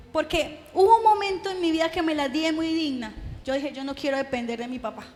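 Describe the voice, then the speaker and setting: High-voiced woman preaching. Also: long reverb tail. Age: 30s. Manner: animated and playful, laughs often. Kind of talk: sermon. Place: church hall.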